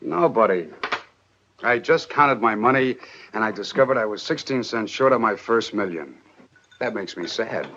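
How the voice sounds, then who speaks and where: An actor playing a young soda fountain clerk, sarcastic and wry, in 1950s film acting. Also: male voice, on the low side, lively intonation, normal speed, pushed and bright, slight background noise. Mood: glum. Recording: dull old film soundtrack with music.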